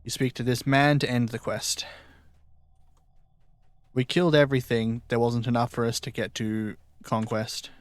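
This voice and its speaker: A man's voice: mid-range voice, flat delivery, moderate pace, long pauses, dry recording. A man streaming a video game, casually explaining the quest as he plays. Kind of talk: casual gameplay commentary.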